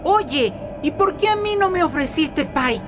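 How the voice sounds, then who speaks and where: A woman voicing a sensible, peacemaking young dog in an animated parody. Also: high-pitched, measured pace. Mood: reasoning. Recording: loud music behind.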